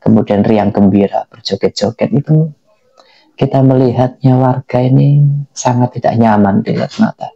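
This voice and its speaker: A man giving unscripted political commentary in a halting way, repeating phrases for emphasis. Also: mid-range voice, gravelly, slightly rough, lo-fi sound. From Indonesia. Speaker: commentator giving personal opinion.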